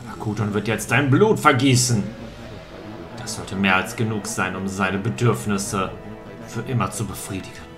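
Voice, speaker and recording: A man voicing a proud, brooding warrior from a video game, solemn, measured and theatrical. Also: on the low side, music in the background, lightly acted. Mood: grim, resolute. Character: brooding proud male warrior bound to cursed sword. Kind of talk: dramatic video game read-aloud.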